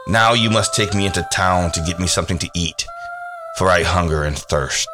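A guy doing a creepy scaly grave monster, low and slow, bossy and hungry, music underneath. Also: lightly acted. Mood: menacing. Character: evil scaly male grave creature, hungry and commanding.

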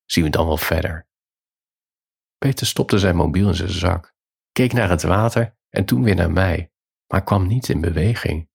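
Storyteller: man, very low voice with a husky edge, calm measured bedtime narration.

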